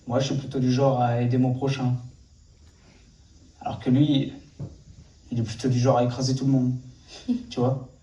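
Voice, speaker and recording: A man's voice: medium pitch, level tone, moderate pace, pauses often, warm tone, lo-fi sound, close to an everyday voice. A man playing an earnest, evasive policeman in a naturalistic drama, explaining himself and placating others. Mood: calm, confiding. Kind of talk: naturalistic film drama acting. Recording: echoey room, distant from the mic.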